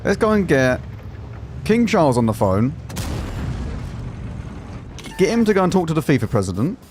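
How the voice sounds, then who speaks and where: High-pitched, animated English male game streamer. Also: normal speed, slight background noise. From England. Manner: opinionated, exclamatory, colloquial. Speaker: video game live streamer. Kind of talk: casual live stream commentary while gaming.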